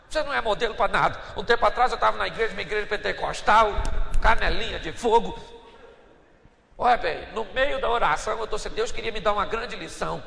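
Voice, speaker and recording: A man preaching a sermon as a pastor, telling stories in an animated way. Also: high voice, creaky. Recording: echoey church hall reverb.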